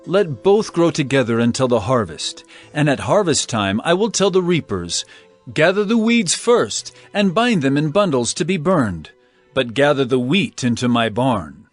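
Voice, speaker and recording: Soft background music accompanies an actor voicing an earnest male parable teacher in a dramatized scripture reading, with a storytelling mood. His medium-pitched voice is sing-song, and he phrases things in a measured, emphatic, declamatory way.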